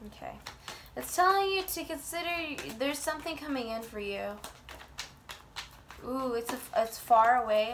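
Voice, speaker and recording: A woman's voice: mid-range voice, background noise. A woman reading tarot in an informal, chatty way, with blunt, colloquial phrasing and frequent swearing. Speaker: tarot reader.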